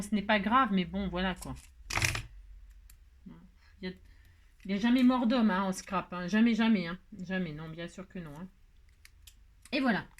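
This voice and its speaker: A French woman hosting a crafting tutorial, chatting casually to viewers as she works, humming little tunes and scolding herself over slips. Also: medium pitch. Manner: chatty, talks to herself while working, hums little nonsense tunes; expressive, scolds herself when upset. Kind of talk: casual live crafting chat.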